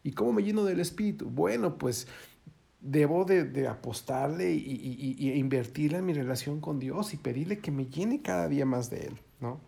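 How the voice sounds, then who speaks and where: A man's voice: fairly high pitch, expressive, normal speed, creaky, mellow. A man preaching casually, folksy and joking, acting out little quoted voices. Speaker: pastor.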